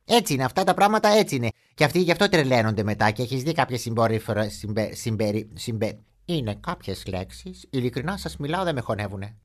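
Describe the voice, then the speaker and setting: A man playing a grumpy old grandfather who rants in a mock-indignant comic monologue, his voice swinging high and low. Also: big pitch swings, hardly any pauses, lightly acted. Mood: grumbling. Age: older. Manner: mock-indignant grumbling with big pitch swings.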